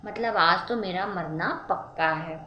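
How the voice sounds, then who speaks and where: A woman voicing a small, frightened but clever female sparrow in a children's story, pleading in a high, urgent voice. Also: normal speed, muffled recording, slight background noise, lightly acted. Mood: desperate. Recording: roomy echo.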